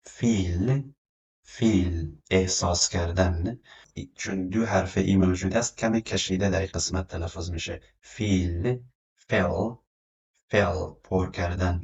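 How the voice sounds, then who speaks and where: Deep-voiced man teaching English words. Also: creaky, a little mellow, lo-fi sound. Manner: repeats each word twice, then gives meaning. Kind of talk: vocabulary lesson, slow repetition.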